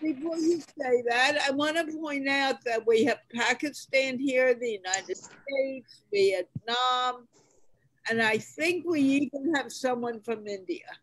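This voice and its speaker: Older lady teaching english on a video call, high voice, talks real slow and patient. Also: poor audio. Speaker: host of an English conversation class. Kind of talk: online video call chat.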